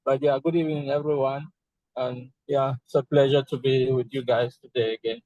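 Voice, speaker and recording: A man's voice: mid-range voice, steady tone, moderate pace, dark tone, no room sound, muffled recording. A man calling into an online class on a car speakerphone while driving, polite and a little apologetic. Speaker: instructor.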